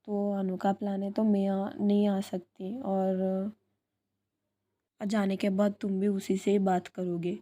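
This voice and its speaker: A woman's voice: medium pitch, level tone, slow pace, lightly acted. Woman voicing sulky insecure young woman. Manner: sulky, quiet. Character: moody insecure young woman, easily angered.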